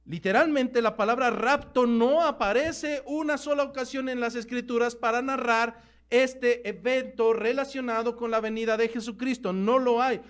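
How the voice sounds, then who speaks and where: A man with a Mexican Spanish accent preaching a sermon as pastor, emphatic, slowing down to stress key words. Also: very high-pitched, steady tone, a bit bright, clean tone.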